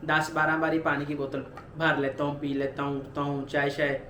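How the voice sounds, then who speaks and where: High-voiced young man in an echoey room. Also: flat delivery, normal speed, bright, forceful tone, a little hiss or hum. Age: 20s. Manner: earnest, repetitive motivational urging. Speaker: vlogger. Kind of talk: personal weight-loss vlog.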